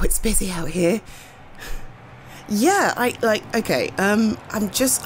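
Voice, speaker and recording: Against a noisy background, a woman of medium pitch from the UK acts out a casual one-sided conversation as a playful, eager girlfriend speaking to her partner. Easily flustered, she is cute, coaxing, giggly and full of expression.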